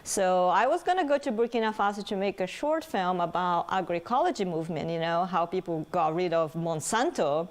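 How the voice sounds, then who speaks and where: A woman from Brazil, a film director answering interview questions in an animated way, often laughing between points. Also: lowish voice, fairly quick, hardly any pauses. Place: film festival event.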